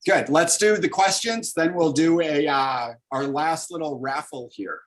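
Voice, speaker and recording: A man's voice: fairly high pitch, measured pace, low-quality recording. A man in his thirties, a comics artist leading an online library workshop, talking casually and upbeat with many fillers over a video call.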